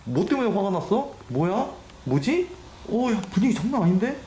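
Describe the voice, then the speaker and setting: A jumpy man hosting a ghost hunt inside an abandoned house, calling out to spirits. His voice rises and falls a lot, and the empty rooms echo around him. Loud background noise hangs under everything. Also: high-pitched, normal speed. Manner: excitable, jumpy, talks to spirits aloud. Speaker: ghost hunting channel host. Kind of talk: ghost hunting vlog. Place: abandoned two-story house, indoors.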